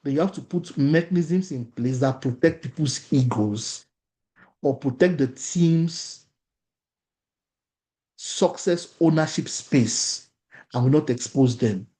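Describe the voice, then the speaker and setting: A workshop facilitator with a Nigerian accent, a native Yoruba speaker, leads an interactive online workshop, repeating phrases and often putting questions to the audience. His voice is a little high and mellow. He takes it slowly, with long pauses.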